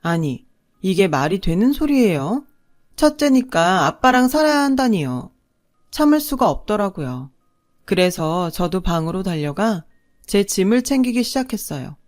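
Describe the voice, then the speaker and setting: A woman's voice: medium pitch, sing-song, normal speed, darkish tone, no echo, clean studio sound. Woman reading a confiding radio story. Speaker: story narrator.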